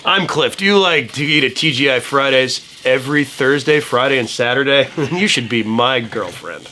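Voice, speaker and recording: A man voicing a cheesy, sleazy single guy pitching himself for dates in smarmy comic patter. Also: animated, moderate pace, bright, forceful tone. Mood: cheesy, eager. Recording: faint background noise.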